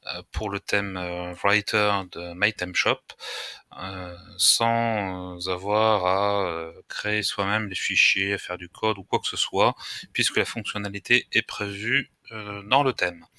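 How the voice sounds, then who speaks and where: Male tutorial host, slightly low voice with a bright edge, dry close sound, halting delivery full of fillers. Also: steady tone, clear, resonant tone, no room sound. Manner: hesitant, frequent filler pauses. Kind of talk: screen-recorded software tutorial.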